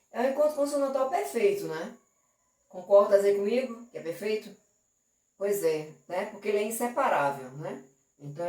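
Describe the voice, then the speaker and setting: Woman, Brazilian Portuguese accent, teacher, affectionate, animated, mid pitch, distant mic, echoey room. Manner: affectionate, animated, with many diminutives. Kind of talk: online exam review lesson.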